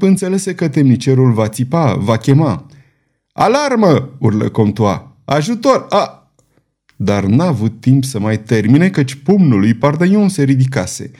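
A man narrating an adventure novel in a dramatic, theatrical audiobook reading. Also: mid-range voice. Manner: expressive, theatrical storytelling.

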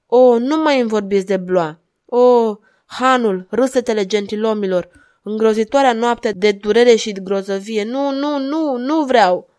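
A woman's voice: on the high side, darkish tone, pitched above the performer's own voice, lightly acted. Woman voicing a haunted grieving madwoman. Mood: anguished. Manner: pleading, tremulous, broken.

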